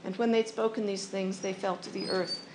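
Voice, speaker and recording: A woman's voice: mid-range voice, flat delivery, normal speed. A woman reciting scripture as narration. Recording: echoey room with faint noise.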